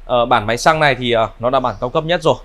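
A man in his thirties with a northern Vietnamese accent gives an unscripted used-car sales walkaround in smooth, polite, repetitive patter. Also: medium pitch, fast, a bit bright. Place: large indoor car showroom. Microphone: clip-on lapel mic.

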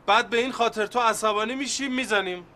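A flustered, fawning clerk. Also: male voice, high voice, sharp tone. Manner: flustered, stammering. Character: fawning, flustered young male office employee. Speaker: actor playing a flattering office clerk. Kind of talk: sitcom acting.

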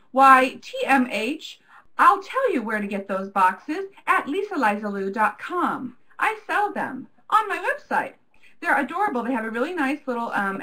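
A woman's voice: high voice, pushed and bright, low-quality recording. A woman giving a live craft tutorial in a chatty, jokey manner with frequent fillers. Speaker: craft demonstrator.

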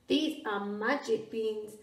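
A woman's voice: medium pitch, takes it slowly, reverberant, pitched below the performer's own voice. A woman teacher voicing a smiling, persuasive sweet shopkeeper. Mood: coaxing.

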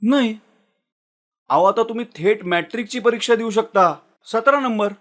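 An actor playing a patient male office superior who calmly explains things. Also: high-pitched, normal speed.

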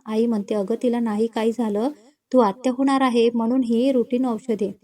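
A woman's voice: a little high, flat delivery, moderate pace, mellow. A woman narrating a romantic story and reading every character's lines in her own voice. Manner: reads all parts in her own voice, dialogue barely changed.

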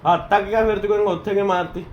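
A man's voice: high voice, steady tone, racing, muffled recording. A man hosting a casual vlog, addressing viewers and bickering playfully in a teasing way. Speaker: vlog host. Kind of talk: casual chat to viewers and game banter. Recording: background noise, home ambience.

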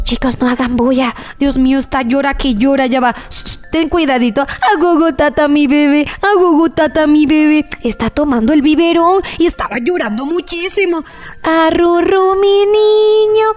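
A young woman giving bubbly, gushing commentary on a mobile game, using many diminutives and talking straight to her viewers. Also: sits high. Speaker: gaming YouTuber.

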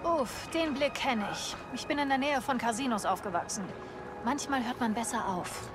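An actress voicing a wry, calm young woman who is a daring scoundrel, in a video game. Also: a little high, moderate pace, natural voice. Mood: sympathetic. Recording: game music behind the voice.

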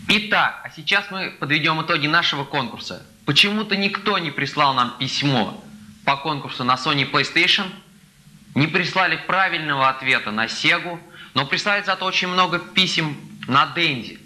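A man's voice: fairly high pitch, normal speed, sharp tone, low-quality recording. A young man hosting a TV show, presenting a contest for viewers. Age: young adult. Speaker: TV show host. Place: small TV studio, indoors.

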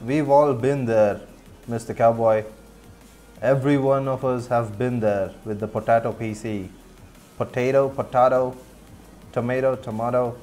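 A man's voice: mid-range voice, darkish tone. Chatty Indian man streaming gameplay. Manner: chatty, laughs often, answers chat. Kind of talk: casual gameplay commentary.

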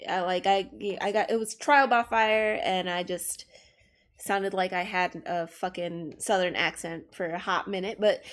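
A woman's voice: on the low side, fairly even intonation, measured pace. A young adult woman streaming while she draws, chatting frankly and casually, swearing freely and laughing often. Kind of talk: casual chat while drawing.

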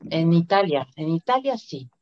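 A middle-aged Latin American woman chats informally as a guest in a casual interview over a video call from an indoor room. Her voice is on the low side and darkish, with big pitch swings at a moderate pace, picked up by the device microphone as dull, lo-fi audio.

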